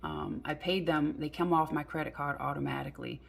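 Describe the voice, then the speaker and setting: A woman chatting casually through a budget vlog in a halting, low-energy way, slightly hoarse as if weak after surgery. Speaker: budgeting vlogger. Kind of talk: casual chat while counting cash.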